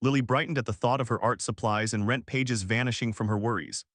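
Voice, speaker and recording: A man narrating a first-person story in an even, measured way. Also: medium pitch, no room sound, clean studio sound.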